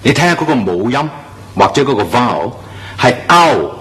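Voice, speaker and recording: Man, english pronunciation teacher, animated pitch, emphatic, slow drawn-out model words. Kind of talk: classroom-style pronunciation lesson.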